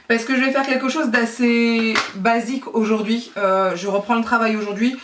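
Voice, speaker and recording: A woman from France giving a casual makeup tutorial, talking chattily with many fillers and pauses. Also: on the high side, fairly even intonation, background noise. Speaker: beauty vlogger. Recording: roomy echo, distant mic.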